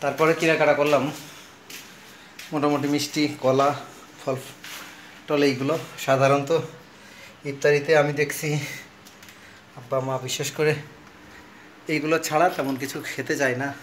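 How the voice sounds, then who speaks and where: A middle-aged man chats casually through a family vlog at home, tired from fasting and teasing his child playfully. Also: a little high, level tone, a little hiss or hum. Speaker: family vlogger. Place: family home at the iftar table.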